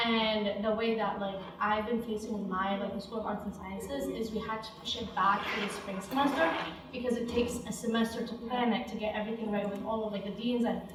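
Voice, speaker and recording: A woman's voice: mid-range voice, steady tone, brisk, background noise. A woman student senator arguing in a meeting, rambling with many fillers. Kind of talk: meeting discussion. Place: meeting room. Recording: echoey room from far off.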